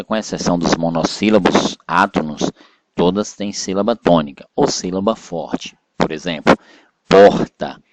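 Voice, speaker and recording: A man's voice: sits low, no room sound. A Brazilian man teaching poetic meter in a video lesson, patiently explaining step by step and counting syllables aloud. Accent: Brazilian Portuguese. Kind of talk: slide-based video lesson.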